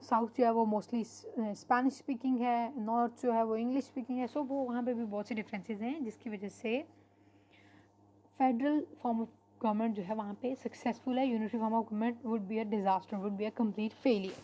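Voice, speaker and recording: A woman teaching an online class. Her voice sits fairly high yet sounds mellow and warm. She explains in an unhurried way and pauses on fillers. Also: steady tone, slight background noise. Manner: explanatory, mixes English terms into Hindi-Urdu, frequent fillers. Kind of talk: online lecture.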